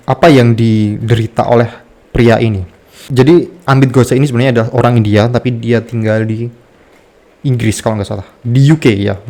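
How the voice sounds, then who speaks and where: Guy with a bit of a lisp on his r, mid-pitched, talking openly about himself like a youtuber. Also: warm tone. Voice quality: slight lisp on the r sound. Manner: candid, self-deprecating. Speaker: YouTube content creator. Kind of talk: personal story told to camera.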